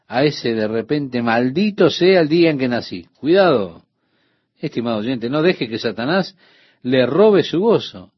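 Husky preacher on radio. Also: male voice, medium pitch, no echo, muffled recording. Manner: earnest, expressive storytelling with scripture readings. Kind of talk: radio sermon.

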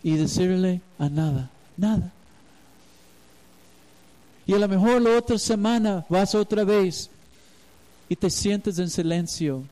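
A man's voice: sits high, takes it slowly, pauses often, mellow, poor audio. A man preaching as a pastor, telling a personal story and acting out the voices in it. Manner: storytelling, acts out quoted voices. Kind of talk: sermon.

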